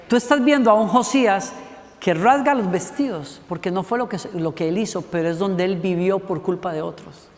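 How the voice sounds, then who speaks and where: A man's voice: sits high, big-room sound. A man preaching a sermon, telling a story in a chatty way, with questions to the congregation and a few jokes.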